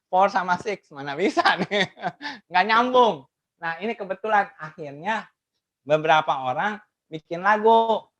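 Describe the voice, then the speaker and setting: A woman's voice: fairly low pitch, animated, unhurried, fairly bright tone, lo-fi sound. Laughing woman teacher on a webinar. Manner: laughs often between phrases; acts out quoted remarks in changed voices. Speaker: math teacher presenting a webinar. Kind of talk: online teaching talk to parents and teachers.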